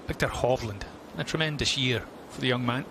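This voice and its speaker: A man's voice: medium pitch, a little fast. A man giving live commentary on a golf tournament. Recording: clear outdoor ambient noise.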